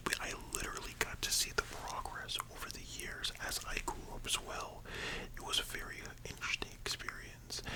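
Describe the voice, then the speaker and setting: A young adult ASMR host chatting about anime in a soft, sleepy library-style whisper, informal and rambling with casual asides. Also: rough recording.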